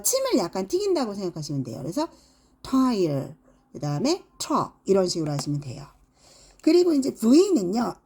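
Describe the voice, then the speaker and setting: A woman's voice: mid-range voice, dark tone. A middle-aged woman teaching English phonics, demonstrating each sound with exaggerated examples. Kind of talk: phonics lesson.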